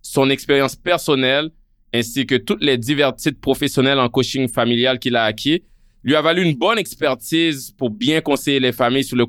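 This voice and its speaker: A man in his thirties with a Creole-tinged French accent, hosting a podcast interview in an earnest way, often pausing on "euh". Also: mid-range voice, fairly bright tone, smooth, no echo, studio quality. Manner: earnest, with frequent "euh" fillers. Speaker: podcast host.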